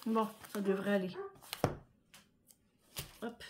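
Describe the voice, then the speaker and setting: A woman from France chatting casually to her viewers in a vlog, emotional and expressive. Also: medium pitch, slow pace, background noise. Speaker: vlogger. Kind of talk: casual chat.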